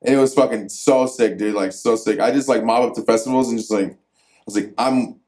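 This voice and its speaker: A brash, profane American man hosting a casual podcast chat, excitable and quick to swear. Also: mid-range voice. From USA. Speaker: podcast host.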